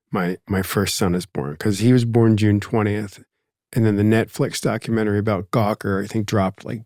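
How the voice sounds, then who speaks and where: A man's voice: fairly low pitch, darkish tone, no room sound, clean studio sound. A man with a Philadelphia accent, hosting a podcast in casual conversation, reflective and rambling with lots of asides. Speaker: podcast host.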